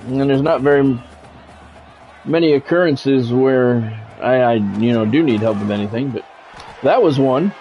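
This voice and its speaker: At medium pitch and a moderate pace, an American livestream host chats casually and bluntly, pausing for bits of play-by-play. The recording is dull and lo-fi, with music in the background.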